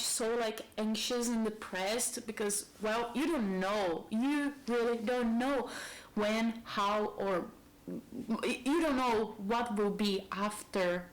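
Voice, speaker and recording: Recorded roughly at home, this vlog features a Brazilian woman in her thirties speaking English, her second language, in a medium-pitched voice. A heavy Brazilian Portuguese accent colors her rambling, thinking-aloud delivery.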